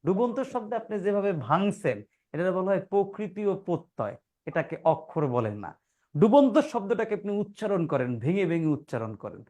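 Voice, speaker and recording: A man's voice: high-pitched, sing-song, moderate pace, mellow. A male grammar teacher giving a classroom lesson. He keeps asking rhetorical questions, calls his students "brother" and sounds words out syllable by syllable.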